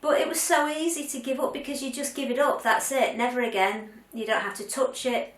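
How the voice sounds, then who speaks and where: A woman's voice: high-pitched, steady tone, brisk. A woman in her later years chatting candidly to camera in a weekly vlog, with frequent ums and restarts. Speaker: vlogger. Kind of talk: casual chat to camera. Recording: roomy sound, mic at a distance.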